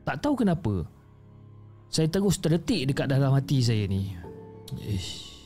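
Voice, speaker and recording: A man's voice: medium pitch, very animated, moderate pace, a little mellow, soft background music. A man with a Malaysian accent reading a listener's horror story in a chatty, conversational way, often addressing the listener by name.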